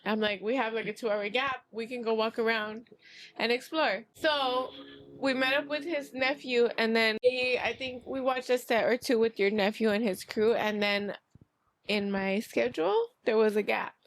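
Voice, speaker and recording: High-voiced young woman, chatty and sweary. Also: moderate pace. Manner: animated, sweary slangy talk. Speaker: podcast co-host. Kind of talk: casual storytelling chat.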